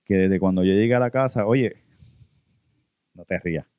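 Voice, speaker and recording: Puerto Rican man preaching, low voice. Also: normal speed, clean tone, no room sound, highs cut off. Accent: Puerto Rican Spanish. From Puerto Rico. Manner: earnest, addresses listeners as brothers. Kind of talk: sermon testimony.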